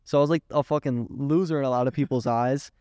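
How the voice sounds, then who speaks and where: Young male guest, lively storyteller, casual and profane, dry close sound. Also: mid-range voice, fast talker, dry recording. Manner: animated, swearing, quoting others in dialogue. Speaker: guest, agency owner.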